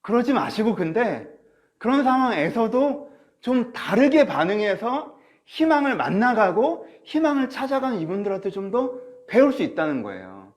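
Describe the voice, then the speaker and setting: The pastor's high voice has a sing-song lilt and moves at normal speed, a little muffled because he's preaching through a face mask. In this online sermon to his congregation, he speaks right to his listeners with questions and dramatizes inner thoughts.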